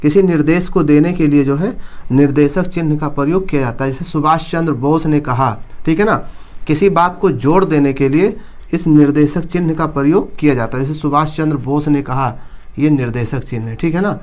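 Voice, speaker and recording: Patient male teacher, slightly high voice. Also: fairly quick, a little mellow, dull audio. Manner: explaining patiently, tags sentences with a checking "okay". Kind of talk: classroom-style lesson.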